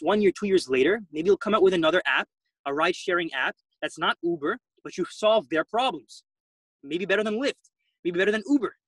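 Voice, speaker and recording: A man talks fast and emphatically in an interview, often repeating words as he drives a point home. His voice sits a little high for a man. The sound is dry and close. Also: fairly bright tone, no echo, poor audio. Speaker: guest entrepreneur. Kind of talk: interview answers.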